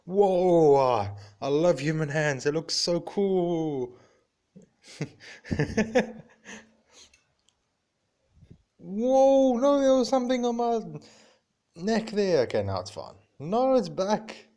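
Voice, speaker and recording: A man voicing his excitable pet pigeon, who is easily amazed and bursts out in high exclamations. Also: slow, full character voice.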